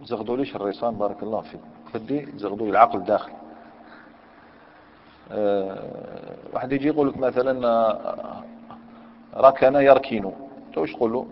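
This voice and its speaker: A man's voice: fairly low pitch, quick pace, pauses often. Algerian guy teaching arabic grammar, keeps asking the class stuff, long hall echo. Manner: conversational, questions students, mixes dialect with classical recitation. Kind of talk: classroom lesson with students. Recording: dull lo-fi recording in a long-echo hall, faint noise.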